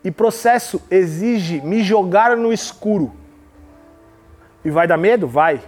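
Man, high voice, emphatic devotional podcast preacher who acts out quoted voices. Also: expressive, takes it slowly, a little mellow.

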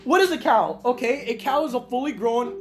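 A woman's voice: on the high side, expressive, a little fast. A woman co-hosting a casual rant podcast, laughing often and repeating herself. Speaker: podcast co-host. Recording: music playing behind.

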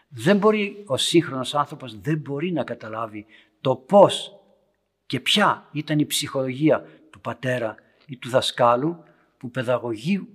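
Priest for a parish homily: husky male voice, storytelling, swings from loud to hushed. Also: mid-range voice. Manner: storytelling, loudness rising and dropping to near whispers. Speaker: Orthodox priest. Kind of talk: homily to young parents. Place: church meeting room.

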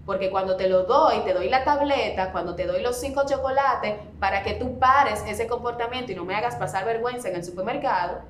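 A woman speaking as a parenting expert guest, explaining in a conversational way and acting out gentle talks with a child. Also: on the high side, fairly quick, few pauses, a little hiss or hum. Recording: roomy echo.

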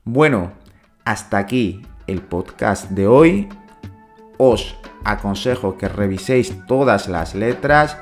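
A man teaching in a podcast, speaking slowly and patiently and repeating each sound several times. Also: fairly low pitch, lively intonation, faint music behind. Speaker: Arabic teacher. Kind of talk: podcast lesson.

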